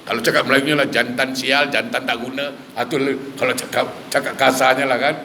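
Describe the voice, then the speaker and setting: Animated male preacher telling a story. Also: medium pitch, fairly quick, a little hiss or hum. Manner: animated, swings loud and soft, acts out dialogue. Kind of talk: storytelling sermon.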